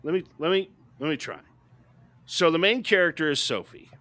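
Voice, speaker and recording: A middle-aged podcast co-host reviews films in an emphatic, ranting way, peppering his opinions with "right?". He has a slightly high voice with lively intonation, a moderate pace, and a sharp tone.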